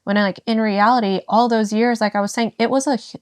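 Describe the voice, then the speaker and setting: Emotional young woman, halting speech. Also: on the high side, steady tone, no echo, clean studio sound. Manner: halting, emotional, many fillers and restarts. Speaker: podcast guest. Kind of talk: candid personal conversation.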